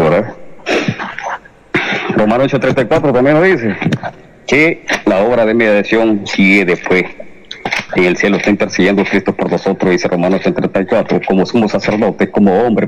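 A man reading Bible verses aloud slowly and asking short questions in a study discussion. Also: lowish voice, lo-fi sound. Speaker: Bible reader.

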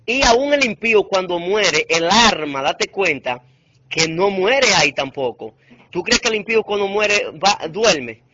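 A man preaches a quick rebuttal, citing Bible chapter and verse one after another. His voice is bright and sits slightly high, and the audio is muffled and lo-fi. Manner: forceful, cites chapter and verse. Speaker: preacher in a video reply. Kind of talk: rapid scripture-quoting rebuttal.

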